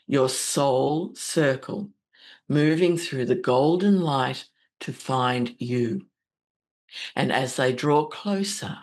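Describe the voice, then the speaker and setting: A woman speaking as a spiritual host and meditation guide, with a soothing, gentle, deliberate delivery. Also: a bass voice.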